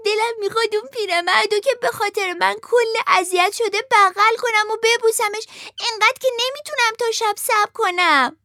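Storybook puppet boy, high and sharp, eager, played by a woman. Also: hardly any pauses, dry recording, studio quality, full character voice. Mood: pleading. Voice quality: high childlike voice. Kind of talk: storybook voicing.

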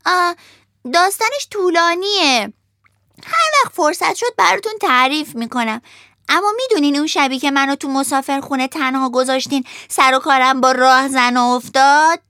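A woman voicing an eager, fibbing wooden puppet boy in a high childlike voice for a storybook reading. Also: expressive, sharp tone, no echo, clean studio sound, full character voice. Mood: telling.

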